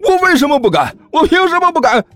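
A man voicing a cheeky male student who loudly plays innocent and protests. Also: sits high, huge pitch swings, normal speed, faint music behind, voice pushed up, full character voice. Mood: indignant.

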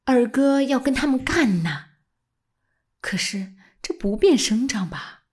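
A woman's voice: on the high side, expressive, takes it slowly, a little mellow, voice pushed up. A woman voicing an earnest, curious young man who asks eager questions in a raised voice.

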